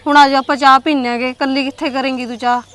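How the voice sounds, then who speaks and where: A woman's voice: high-pitched, level tone, quick pace, a bit bright. A young woman with a Punjabi accent acting in a village family drama, coaxing and caring toward her aunt. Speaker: married niece.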